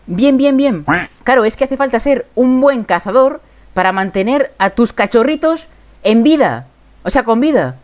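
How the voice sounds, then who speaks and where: A young man with a Spain Spanish accent, doing excitable game commentary and shouting at animals in the game. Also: very high voice, moderate pace. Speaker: gaming youtuber.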